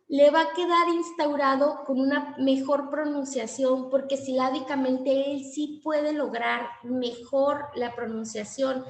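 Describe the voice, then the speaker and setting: High-voiced woman lecturing slowly. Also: echoey room. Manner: explanatory, acts out child and teacher exchanges. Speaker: teacher trainer. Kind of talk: lecture on language therapy.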